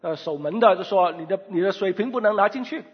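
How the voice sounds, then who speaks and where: A man's voice: sits high, animated, quick pace, slightly rough. A man interpreting a sermon live, delivering it in short echoed phrases. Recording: dull, reverberant hall sound.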